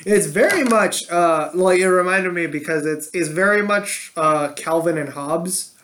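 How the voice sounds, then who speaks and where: A man with a slightly high voice chatting casually as a podcast co-host. He rambles, piling on fillers and restarts as he tells a story. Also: measured pace, a bit bright, slight background noise. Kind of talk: casual chat.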